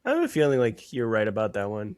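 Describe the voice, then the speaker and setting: A man co-hosts a casual podcast, rambling through jokes and swearing freely. His voice swings up and down a great deal. He sits close to a podcast mic in a dry, flat-sounding space. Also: lowish voice, fast, no echo. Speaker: podcast co-host. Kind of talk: casual chat.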